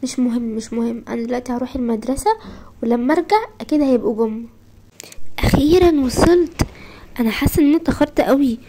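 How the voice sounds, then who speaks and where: A young schoolgirl, as a woman tells her story with an Egyptian Arabic accent, talking in fast, breathless bursts full of exclamations. Her voice sits high, with a mellow, dark tone. This is a first-person storybook role-play. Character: young schoolgirl left alone, fearful.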